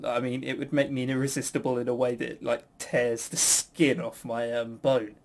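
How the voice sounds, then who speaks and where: Rambling and jokey, a male podcast co-host who also serves as quizmaster trades casual banter, mocking himself and dropping the odd curse. His medium-pitched voice barely moves in pitch and keeps a moderate pace.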